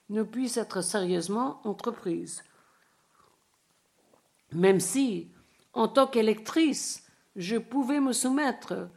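An older Indian woman whose first language is Bengali delivers an academic lecture from a prepared text. Her formal, dense reading is broken by hesitant English asides, and her voice is a little high and gravelly.

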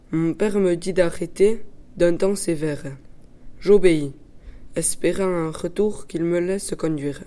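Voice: medium pitch, warm tone, close to an everyday voice. An actor voicing a bored, restless young boy, narrating his story in the first person. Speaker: narrator of a child character. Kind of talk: first-person dramatic reading.

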